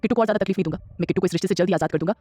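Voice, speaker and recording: A man's voice: high-pitched, racing, dark tone, dry recording. A man voicing a brooding, hard-hearted young husband in an audio story. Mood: remorseful.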